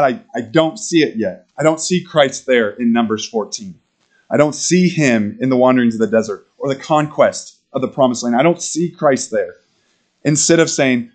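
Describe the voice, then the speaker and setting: A male pastor preaching a sermon in a conversational, animated way, acting out quoted lines and laughing between points. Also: medium pitch. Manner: animated, acts out quotes in character voices.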